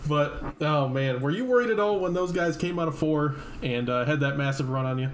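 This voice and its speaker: A man's voice: on the high side, fairly quick, slight background noise. Upbeat man interviewing from the booth. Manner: upbeat, chatty, laughs often. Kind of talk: casual post-race interview.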